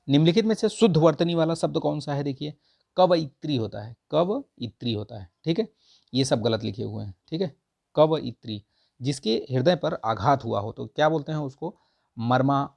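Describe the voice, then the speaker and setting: A man's voice: medium pitch, vocal fry, a little mellow. A young man tutoring Hindi for an exam, going through test answers and repeating each one for his students to remember. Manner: repetitive, drills answers with "ठीक है" and "याद रखिएगा"; asks questions then answers them himself. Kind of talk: test answer walkthrough lesson.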